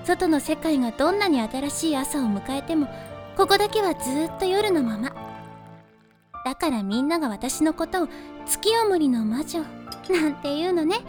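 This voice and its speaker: A woman voicing a soft, calm and gently teasing young woman who guards a moonlit forest, in a voice drama. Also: sits high, moderate pace, over music. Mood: gentle. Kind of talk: voice drama acting.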